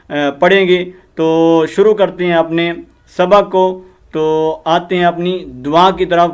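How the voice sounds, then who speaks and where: High-voiced man teaching recitation. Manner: drills Arabic words slowly, corrects common mistakes. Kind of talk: Urdu recitation lesson.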